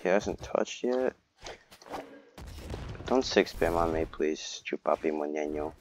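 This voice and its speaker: A young man giving excitable, rambling gameplay commentary and joking at his own expense. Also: a bass voice, slow pace, a little hiss or hum. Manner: excitable, rambling, playfully self-mocking. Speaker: gamer.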